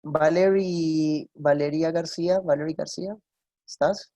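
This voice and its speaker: Woman, online English teacher, lowish voice, patient and affectionate, dry close sound. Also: fairly even intonation, mellow, no room sound. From Colombia. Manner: affectionate, coaxing, explains slowly with examples. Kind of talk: online class instruction.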